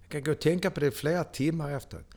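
An older man from Sweden with a Scanian accent, telling personal stories in a theatrical way and breaking into sudden loud exclamations. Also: a little high, steady tone. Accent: Scanian Swedish. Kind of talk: animated personal storytelling.

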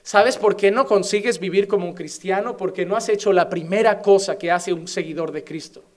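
A man's voice: high-pitched, brisk. A middle-aged man with a Spanish accent from Spain, preaching a sermon with passion and many rhetorical questions. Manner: passionate, rhetorical questions, builds to fervent exhortation.

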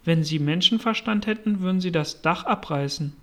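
A man narrating a storybook as an audiobook reader, in an even, measured way. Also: sits high.

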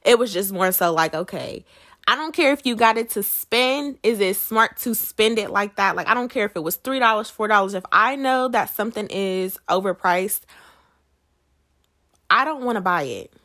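Hosting a podcast solo, a woman talks casually and conversationally, tossing questions out to her listeners. Her mid-range voice is animated and sharp-toned, moving at a moderate pace.

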